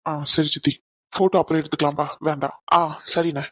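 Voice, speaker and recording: A man voicing a kind young groom in a cartoon, calmly reassuring his tearful bride. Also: fairly high pitch, quick pace, slightly rough, no room sound. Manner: reassuring, coaxing. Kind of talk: cartoon dubbing.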